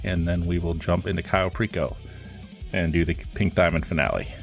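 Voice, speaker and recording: A man with a very low voice talks through his game in a loose, rambling way as a streamer. He sounds stuffy and congested from a cold. Faint music plays behind him. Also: brisk, vocal fry. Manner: casual, rambling, relaxed. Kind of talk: live gameplay commentary.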